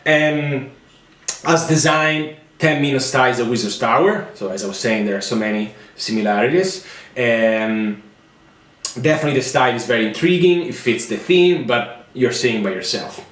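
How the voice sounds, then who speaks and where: A man's voice: mid-range voice, normal speed, fairly bright tone. A man with an Italian accent hosting a playful, chatty board game review. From Italy. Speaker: host. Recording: echoey room with music behind.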